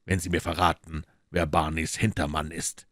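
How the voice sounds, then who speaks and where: A man voicing a calm, ironic detective in a German audiobook, speaking low and measured. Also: dry recording, studio quality. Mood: cool ironic. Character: Sherlock Holmes, cool calm detective, man.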